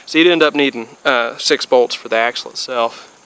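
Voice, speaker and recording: This is a poorly recorded clip of a man in his twenties, a DIY hobbyist, explaining a how-to in a casual, rambling way by a car outdoors and then under a metal-roofed shed. His voice is clear and resonant at medium pitch and moderate pace, but his delivery is flat. Being sick leaves him a little spacey, and he uses many fillers and restarts.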